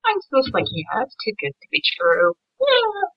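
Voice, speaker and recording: A woman's voice: sits high, wildly swooping pitch, normal speed, dry recording. Woman, casual podcast chatter, dull lo-fi audio that sounds like it's coming through a tube, dry with no room. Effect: muffled voice like speaking through a tube. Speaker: podcast co-host. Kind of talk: casual chat over an online call.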